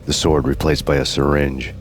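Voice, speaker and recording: An actor playing a world-weary noir detective in a video game, narrating in a grim, deadpan hardboiled style. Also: male voice, rumbling low, normal speed. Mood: grim, brooding. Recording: loud music behind the voice.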